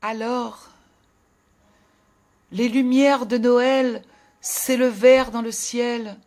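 Slow, high-voiced woman telling a fairy tale. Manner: gentle, expressive storytelling that drops to a hush at sad moments. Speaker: storyteller. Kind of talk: scripted fairy-tale narration. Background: faint music.

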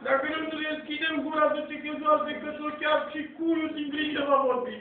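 The speaker is a middle-aged lay preacher with a very high voice and a level tone, giving an earnest, repetitive, exhorting sermon off the cuff. A handheld camera in the congregation of the small church hall picked him up from afar, leaving a noisy, tinny, echoey phone recording.

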